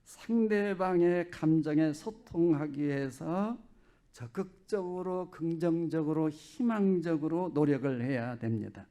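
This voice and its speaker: A man's voice: on the high side, measured pace, warm tone. A male pastor giving a Sunday sermon in a chatty, joking way, often asking the congregation rhetorical questions.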